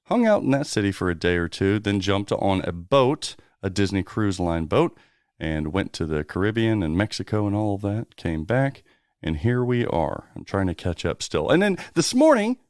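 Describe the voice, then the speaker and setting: Give me an animated, joking man co-hosting a podcast, recorded close and dry. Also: normal speed, clear, resonant tone, no echo. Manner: animated, joking, bursts into loud high exclamations. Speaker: podcast co-host. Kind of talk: casual chat.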